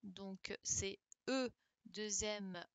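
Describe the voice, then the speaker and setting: A woman teacher correcting a dictation live for her pupils, patient and encouraging, reading words out slowly. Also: mid-range voice, no echo. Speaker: primary school teacher.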